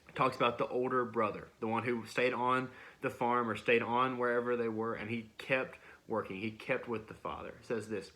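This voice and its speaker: A young man gives a sermon in a relaxed, conversational way, sounding more like a talk with friends than a formal address. He often stops mid-phrase, repeats a word and starts over as he works through his point. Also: medium pitch, moderate pace. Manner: conversational, frequent restarts and repeated words. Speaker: preacher. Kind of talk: casual sermon.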